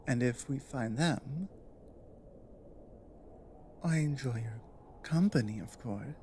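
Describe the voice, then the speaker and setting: Here the same orc warrior woman, loyal and guarded, comes through in an intimate ASMR drama with a rumbling low voice that's expressive, mellow and exaggerated. She talks slowly, with deliberate, halting, plain and sincere wording over faint ambient noise, and the feeling is tender and earnest.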